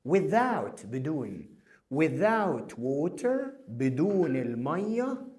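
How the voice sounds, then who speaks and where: A man with an Egyptian Arabic accent teaching a children's English review lesson. He repeats each English word slowly and then translates it. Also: a little high, very animated, a little mellow.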